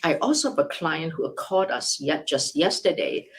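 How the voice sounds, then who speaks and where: A woman's voice: low voice, lively intonation, moderate pace, gravelly, a little hiss or hum, poor audio. An older woman, an immigration lawyer, answering questions live. She explains step by step in numbered points with worked examples, often restarting and correcting herself. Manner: frequent restarts and self-corrections.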